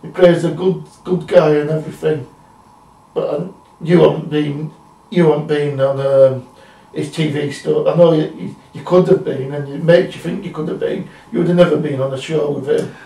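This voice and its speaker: A man's voice: on the high side, steady tone, normal speed, creaky, warm tone. A man speaking as a guest in a casual interview, hesitant and rambling, repeating himself. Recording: roomy, distant mic.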